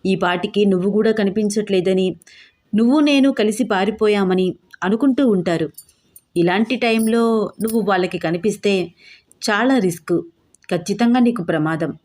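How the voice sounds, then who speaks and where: A woman's voice: medium pitch, moderate pace, long pauses, darkish tone, lightly acted. Woman voicing a pushy, sly young man.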